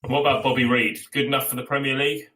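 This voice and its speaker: Bright-voiced podcast host. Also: male voice, mid-range voice, flat delivery, rapid-fire, low-quality recording. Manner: blunt, swears casually, steers the discussion with questions. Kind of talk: casual fan podcast chat.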